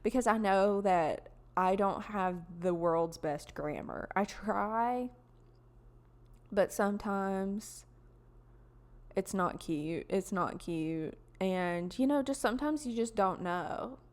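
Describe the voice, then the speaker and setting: A woman's voice: medium pitch, slow. A young woman, hosting a casual solo podcast in a rambling, chatty way full of fillers. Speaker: podcast host.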